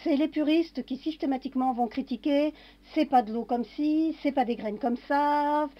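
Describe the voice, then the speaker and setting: A woman casually talking through a kitchen demonstration, narrating each step with little fillers. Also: high voice. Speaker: home cooking vlogger. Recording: dull lo-fi home recording.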